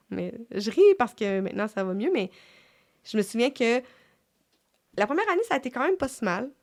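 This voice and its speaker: A woman's voice: fairly high pitch, lively intonation, normal speed, long pauses. A middle-aged woman with a Québécois French accent, hosting a casual faith chat in a reflective way, with many fillers and restarts. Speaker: podcast host.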